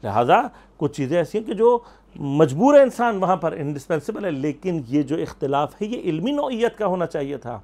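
A man delivers a Quran commentary lecture in a fairly high voice. He explains the verses patiently, asking rhetorical questions and answering them himself, and he quotes Arabic verses along the way. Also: big pitch swings, darkish tone. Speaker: religious scholar.

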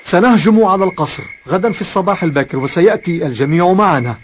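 An agitated townsman in an Arabic historical drama. He declaims in formal Classical Arabic, high and fast with big swings of pitch, amid a loud crowd. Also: animated, a little hiss or hum. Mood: resolved. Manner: declamatory, calling out to people. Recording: loud outdoor crowd din behind.

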